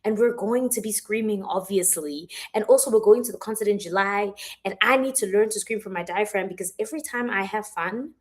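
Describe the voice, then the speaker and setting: An author hosting a livestream chats casually, rambling, giggling and using lots of filler words. Her young voice is going hoarse, sitting a little lower than usual, and she talks fairly quickly with few pauses, picked up by a phone or webcam.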